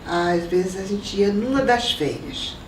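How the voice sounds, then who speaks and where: An older woman from Salvador, recalling her family in an oral history interview at an unhurried pace. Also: medium pitch, distant mic. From Salvador, Brazil. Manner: reminiscing, unhurried, with soft laughs. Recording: echoey room, voice from off mic, faint noise.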